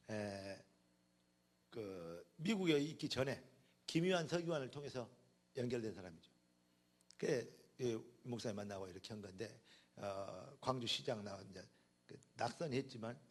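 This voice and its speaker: A man preaching a sermon as pastor, in a Jeolla dialect, swinging between loud emphatic declarations and quiet conversational asides. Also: medium pitch.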